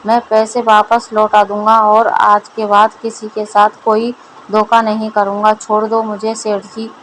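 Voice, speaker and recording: A woman's voice: mid-range voice, monotone, measured pace, a bit bright, a little hiss or hum, natural voice, low-quality recording. A woman voicing a greedy, cunning male village farmer who boasts and pleads. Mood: worried.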